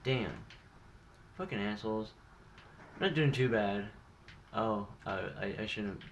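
Young male gaming YouTuber, lowish voice, swears a lot, rambles and gets excited, clear noise under the voice. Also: unhurried, poor audio. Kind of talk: gameplay commentary.

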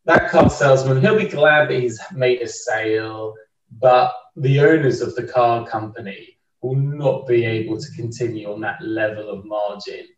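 A man's voice: mid-range voice, fairly even intonation, normal speed. Man, podcast guest, thoughtful, restarts, dull lo-fi sound, echoey room. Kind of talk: casual conversational book discussion. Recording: roomy, distant, dull remote mic.

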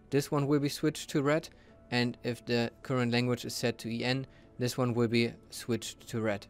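A man narrating a screen-recorded software tutorial, walking through the steps in a steady, explanatory way. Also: mid-range voice.

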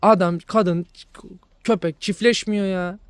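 A man's voice: sits high, steady tone, takes it slowly, clear, resonant tone, no room sound. Exasperated man ranting to his viewers. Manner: exasperated ranting, repeats himself. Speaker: dog breeder vlogger. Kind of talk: casual vlog talk to viewers.

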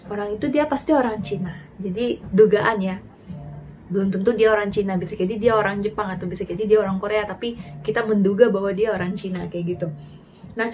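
A woman teaching a casual language lesson, slowing down to say model sentences carefully between quicker explanations. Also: medium pitch, a little mellow.

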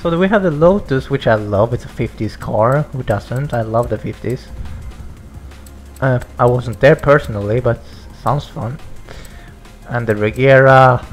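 A young man hosting a racing game let's-play, excitable and stammering, laughing and swearing as he reacts. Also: mid-range voice, unhurried, faint music behind. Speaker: gaming channel host.

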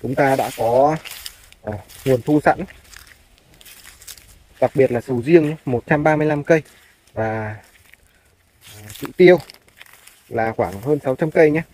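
Speaking unhurriedly with long pauses, a man with a dark, mid-range voice gives a polite walking tour of farmland in his role as a real estate agent. The outdoor footage is from a handheld phone, and background noise is clearly audible.

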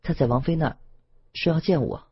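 一名男性朗读者在有声小说中扮演一个说话轻声、迟疑的年轻母亲，录音音质发闷。. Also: male voice, a little high, brisk, slightly rough, highs cut off, pitched above the performer's own voice. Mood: subdued. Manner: quiet, subdued, hesitant.

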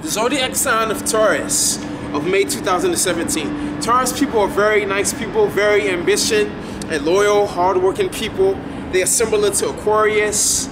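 This twenty-something vlogger talks at a moderate pace in a high voice, loosely rambling and circling back on himself. He's outdoors at night in front of a building. A camera several feet away records him, catching distant sound and street noise.

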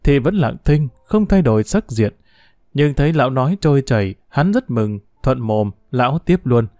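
A man narrating a village story at night in a calm, measured reading voice. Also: mid-range voice, no echo, clean studio sound.

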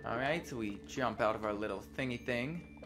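A man's voice: medium pitch, animated, moderate pace. A young man giving casual, informal, rambling gameplay commentary as the host of a let's play. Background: game music.

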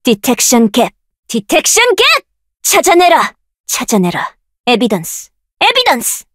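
A bold young rift researcher. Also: female voice, high voice, very animated, moderate pace, no echo, studio quality. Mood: battle shouts. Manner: bold, self-assured, commanding skill shouts. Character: proud, confident young woman researcher of dark rift powers. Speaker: voice actress for a game character. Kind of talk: game voice lines, battle shouts.

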